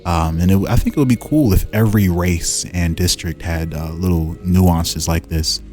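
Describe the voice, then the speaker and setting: A deep-voiced man hosts casually, reading fan-made game lore aloud at a normal speed and breaking off into musing, informal asides. His tone is darkish, and music plays in the background.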